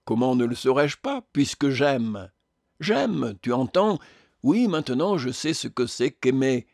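A man voicing a joyful, serene woman from heaven who speaks gently but insists calmly. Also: mid-range voice, measured pace, vocal fry, dry recording, studio quality. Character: radiant, serene heavenly lady, joyful and firm.

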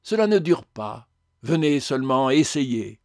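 A man voicing a calm, patient male spirit who speaks in a measured, gently firm way. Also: medium pitch, dry recording, studio quality. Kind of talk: audiobook character voice.

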